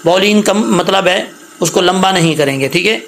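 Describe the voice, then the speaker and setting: Man, high-pitched, Quran recitation teacher, patient explaining, slow melodic chanting, letter-by-letter spelling. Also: creaky, fairly bright tone, a little hiss or hum. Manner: checks understanding with repeated questions. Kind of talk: tajweed lesson, spelling words letter by letter.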